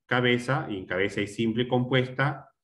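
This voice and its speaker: A male teacher giving a classroom grammar lesson, explaining step by step, repeating words and often checking with a quick question. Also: medium pitch, fairly bright tone.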